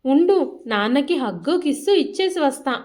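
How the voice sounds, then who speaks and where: A woman's voice: high voice, animated, normal speed, darkish tone. A woman doing a tearful young boy. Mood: eager. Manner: childlike, pleading.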